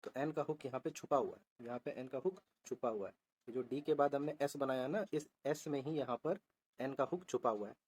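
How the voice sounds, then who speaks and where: A man's voice: medium pitch, a little fast, breathy edge. Man teaching shorthand step by step. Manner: steady teaching voice, spells out letters, asks and answers itself. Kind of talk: explaining a lesson on a board.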